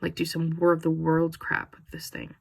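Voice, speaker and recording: A woman's voice: low-pitched, monotone, moderate pace, gravelly, no room sound. A woman voicing a laid-back young man who teases and jokes around. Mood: joking. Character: goofy young male buddy, joking.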